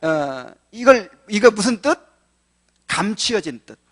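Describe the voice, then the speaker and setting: A man preaching as a pastor, teaching a catechism lesson to his congregation. He talks in a conversational way, asks the listeners rhetorical questions, and moves between loud, pressing lines and quiet asides. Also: high-pitched, sing-song, unhurried. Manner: many fillers and restarts, swings from loud to quiet. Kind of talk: catechism lecture sermon.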